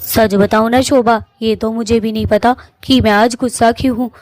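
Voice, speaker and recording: A sulky cartoon witch wife, as a woman voices her, scolding in a fairly high voice. She sounds huffy and quarrelsome. The recording is dry and close. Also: steady tone, normal speed, a little mellow, dry recording, lightly acted. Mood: petulant. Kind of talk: cartoon voice acting.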